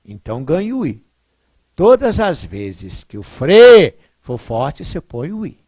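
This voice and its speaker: Woman grammar teacher, slow and emphatic, very expressive pitch, casual and chatty. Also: no room sound, clean studio sound. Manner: chatty and emphatic, tags points with "né?", chuckles often. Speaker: Portuguese teacher. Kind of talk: informal grammar lesson.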